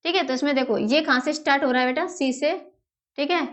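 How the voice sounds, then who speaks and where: A woman's voice: sits high, quick pace, fairly bright tone. A woman teaching chemistry at a whiteboard, affectionately calling her students "beta", repeating key terms and answering her own questions. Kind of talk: whiteboard lesson, explaining step by step.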